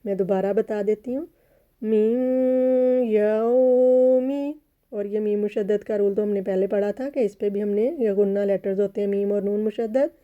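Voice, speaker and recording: A woman teaching recitation rules patiently, repeating each point and chanting the Arabic words in long, drawn-out tones. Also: mid-range voice, narrow, tinny audio. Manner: patient, repeats each word slowly and often says "theek hai". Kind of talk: step-by-step tajweed lesson.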